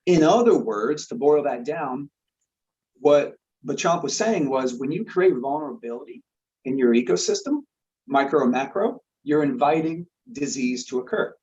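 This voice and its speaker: Speaking as a guest expert, this man explains something earnestly and casually, repeating words frequently and tossing in "right?" to check in. His medium-pitched voice is animated and darkish, moving at a moderate pace, on a slightly dull lo-fi recording.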